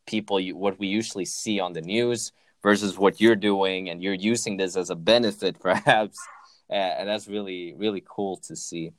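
A man's voice: deep voice, dry recording. A man hosting an interview, encouraging and affirming his guest, with frequent backchannel replies. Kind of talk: interview conversation.

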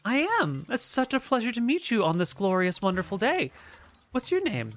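A woman voicing a tiny, chirpy, excited female gnome shopkeeper in a tabletop game, gushing politely in a little voice. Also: mid-range voice, moderate pace, faint music behind, voice pushed up, lightly acted.

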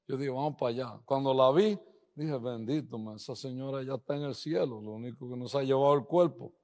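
A man preaching a sermon, telling stories and building up to loud exhortation, with English phrases mixed into his Spanish. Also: fairly quick. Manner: storytelling, swings from low asides to loud rising exhortation.

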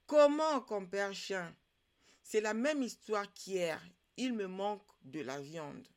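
A woman's voice: medium pitch, animated, slow pace. A woman voicing a crafty male wild cat in a folktale, speaking in a commanding, scolding way. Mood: indignant.

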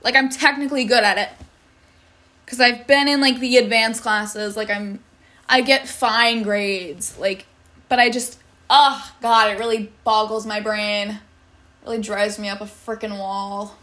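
A woman's voice: medium pitch, fairly even intonation, a little slow, pushed and bright. A teenage girl venting about school in a casual vlog, exasperated, swearing and saying "like" constantly. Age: teens. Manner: exasperated, swears a lot, many likes. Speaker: high school student.

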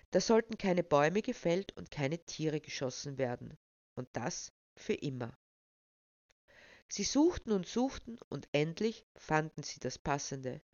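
A woman's voice: sits low, darkish tone, dry recording, dull audio. A woman storyteller reading a children's story aloud expressively.

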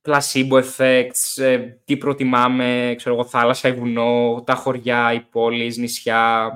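A young man hosting a casual podcast, talking in an animated way, swearing and acting out stories about drinking. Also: medium pitch. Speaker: podcast host.

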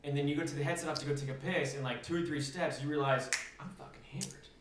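A man's voice: a little high, steady tone, very fast, reverberant, recorded from a distance, a little hiss or hum. A man talking candidly and casually on a podcast, swearing freely. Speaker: podcast co-host. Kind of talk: casual chat.

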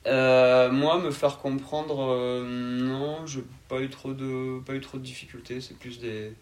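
A man in his twenties with a southern French accent, answering interview questions in a calm, laid-back and hesitant way. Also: mid-range voice, slow pace, a little hiss or hum. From south of France. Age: 20s. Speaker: interview guest.

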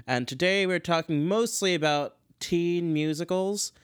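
A man's voice: on the high side, unhurried, clean tone, no room sound, studio quality. Chatty man hosting a solo podcast. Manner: chatty, self-deprecating, digressive. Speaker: podcast host. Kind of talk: casual solo commentary on musical theatre.

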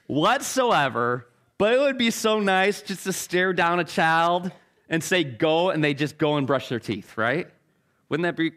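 Here a middle-aged pastor speaks in a fairly high, pushed, bright voice. He preaches casually and conversationally, making jokes at his own expense and repeating words whenever he starts a phrase over.

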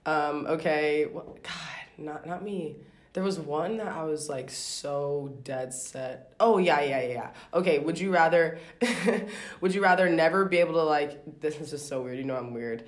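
Podcast host, woman, low voice, chatty and giggly, lots of "like" and "um". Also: a little slow. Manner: giggly, rambling with many fillers. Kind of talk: casual podcast chat. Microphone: remote call.

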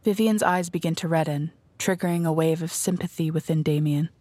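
A woman narrating an audio drama in a measured, descriptive storytelling manner. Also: sits low, warm tone, no room sound. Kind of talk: scripted narration.

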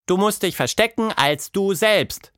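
Man reading as a little girl, lifted a bit higher, firm and friendly, lively tone. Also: unhurried, dry recording, clean studio sound. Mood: explaining. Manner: explaining rules, firm but friendly. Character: young girl, patient and sensible. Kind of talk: storybook audiobook voice.

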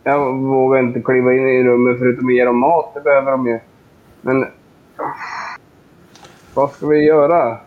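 A man's voice: mid-range voice, flat delivery, long pauses, narrow, tinny audio. A man playing a tabletop game, talking in a hesitant, fretful way. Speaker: player.

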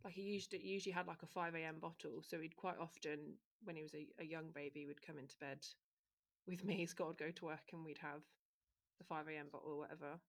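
A young woman chats on a podcast, her voice sitting a little low. She tells stories in a lively, rambling way with plenty of fillers. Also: fairly quick. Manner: chatty, animated storytelling with fillers. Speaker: podcast co-host. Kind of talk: casual chat.

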